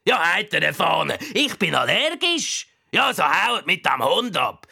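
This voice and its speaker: A man voicing a gruff, grumpy prison inmate in a loud, grumbling rant. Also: high-pitched, very animated, slow, voice pushed up, exaggerated voice.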